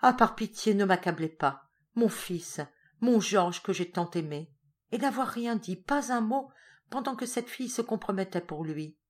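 A woman reading an audiobook voices an irascible, lonely aging father who speaks in loud, indignant outbursts. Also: medium pitch, expressive, moderate pace, voice pushed up, close to an everyday voice. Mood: distraught.

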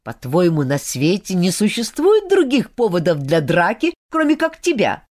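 A woman's voice: on the low side, wildly swooping pitch, moderate pace, a little mellow. A woman voicing a proud, hot-tempered young man who speaks curtly and bluntly. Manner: curt and blunt.

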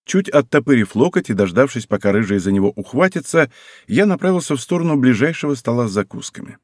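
A man reading a first-person audiobook in a wry, measured way. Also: mid-range voice, animated, no echo, clean studio sound. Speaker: narrator.

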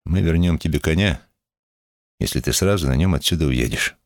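A man voicing a calm, steady young male cowboy who speaks in a level, firm way. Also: rumbling low, brisk, no echo, clean studio sound.

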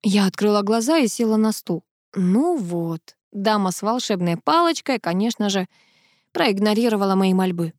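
A woman reading an audiobook as a lively, ironic first-person storyteller. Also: medium pitch, moderate pace, no echo, clean studio sound. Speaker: audiobook narrator. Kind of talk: scripted narration.

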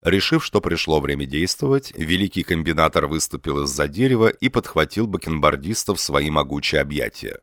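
A man narrating satirical prose in an audiobook reading with a wry, expressive delivery. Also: very deep voice, a little fast, hardly any pauses, no echo, clean studio sound.

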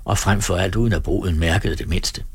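Low husky male audiobook narrator. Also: no echo, clean studio sound. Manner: steady storytelling read. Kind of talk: scripted narration.

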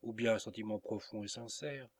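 A man narrating a classic novel as a volunteer audiobook reader, steady and literary. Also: fairly low pitch, a little fast.

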